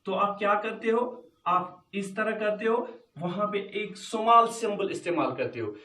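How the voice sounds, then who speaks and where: A man explains punctuation at an unhurried pace, going over each word more than once. His voice sits high, and the room carries a noticeable echo. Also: sharp tone, far from the mic. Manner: slow, repeats words, mixes English and Hindi. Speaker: teacher. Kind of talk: classroom lesson on punctuation. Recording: echoey room, voice from off-mic.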